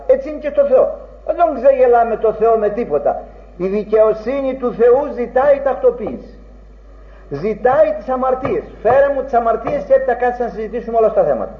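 A man with a high-pitched voice delivers an earnest, rhetorical sermon, leaning on old-fashioned phrasing. The recording is dull and muffled, and it rings in a roomy space. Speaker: preacher. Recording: dull, echoey room recording.

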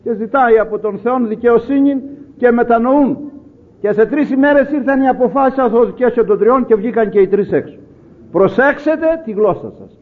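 A man with a very high voice gives an evening sermon, told as a story with retold dialogue. He keeps slipping "he says" between the quoted lines. The sound is thin and narrow, like a phone line. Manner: retells dialogue, often repeating "he says". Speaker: preacher.

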